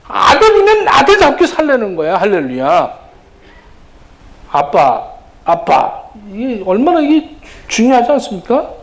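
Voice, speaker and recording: A middle-aged male pastor preaching a sermon, animated and acting out quoted lines in different voices. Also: extremely high pitch, rough recording.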